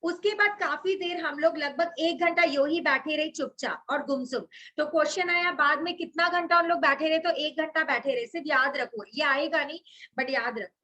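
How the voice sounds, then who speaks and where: A woman's voice: high voice, normal speed, sharp tone, lo-fi sound. A woman teacher reading passages from a story aloud and explaining them line by line, mixing in English words. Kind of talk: explaining a Hindi literature chapter to students.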